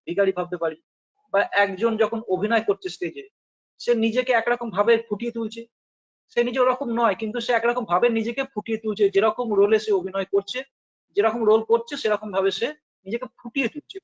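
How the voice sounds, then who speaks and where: A man with a Bengali accent explaining spiritual ideas in a philosophical discussion, patiently and with rhetorical questions. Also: very high voice. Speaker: spiritual teacher. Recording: dull lo-fi recording.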